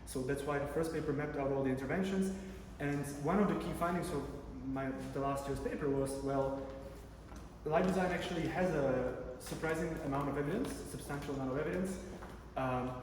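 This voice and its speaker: Here a male conference presenter from the Czech Republic, a PhD researcher, talks a little fast in a voice on the higher side. His delivery is loose and conversational, with frequent fillers and restarts. The large conference room sounds echoey, recorded from afar with room noise.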